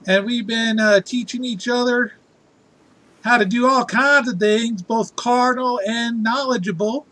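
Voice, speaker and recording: A man's voice: very high voice, steady tone, a little slow, sharp tone, dry recording, pitched above the performer's own voice, full character voice. A man voicing a proud, folksy small-town character with an exaggerated Alabama accent, drawling and using mangled grammar. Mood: mock-proud.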